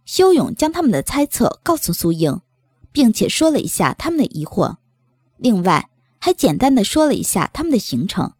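A woman narrating a novel aloud in a lively storytelling manner. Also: on the high side, moderate pace, slightly rough, no echo. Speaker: audiobook narrator. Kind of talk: novel reading.

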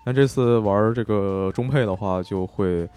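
A man in casual gaming chat with a relaxed, easygoing manner. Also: on the low side, moderate pace.

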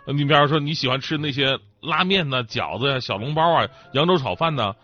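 Here the host's pitch is medium and his delivery animated, fairly quick and sharp-toned. He jokes and chats through a comic monologue, breaking into laughter, while a mouth ulcer leaves his speech sounding swollen and thick. The audio is dull and lo-fi, with faint background music.

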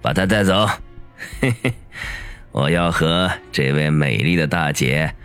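A man's voice: extremely low pitch, expressive, unhurried, a bit bright, smooth, faint music behind, full character voice. A man voicing an arrogant, lecherous young gang boss who sneers and gloats with menacing chuckles in an audiobook. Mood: gloating. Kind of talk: audiobook character voice.

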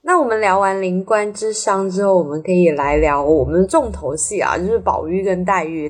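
A woman's voice: mid-range voice, darkish tone, breathy edge. A woman co-hosting a casual chat about a classic novel, sharing personal stories in a reflective way. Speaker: podcast co-host.

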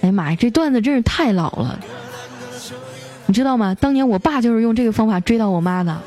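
A woman's voice: fairly high pitch, animated, fast talker, dark tone, soft background music. A woman hosting a radio joke show, reading listener jokes aloud with playful, laughing asides.

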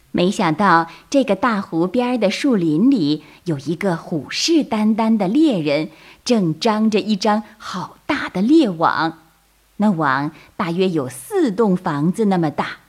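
Woman, bedtime storyteller; gentle and coaxing, slow and very animated. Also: medium pitch. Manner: gentle, coaxing tone addressing children. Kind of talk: children's bedtime story narration.

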